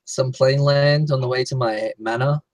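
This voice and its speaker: A man's voice: medium pitch, steady tone, normal speed, no room sound. A man playing a tabletop role-playing game, speaking casually both as himself and in character.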